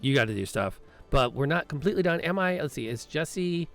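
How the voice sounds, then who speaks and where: This man's voice is fairly high, fairly quick, and a bit bright, with lively intonation over soft background music. As host of a podcast and live stream, he keeps up a casual, upbeat, rambling chat full of fillers and restarts.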